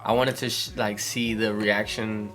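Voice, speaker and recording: A man's voice: fairly low pitch, little pitch movement, unhurried, fairly bright tone. A man hosting a casual podcast chat, rambling with lots of fillers, restarts and cursing. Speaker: podcast host. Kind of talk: casual chat over wings. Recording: faint music behind. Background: faint music.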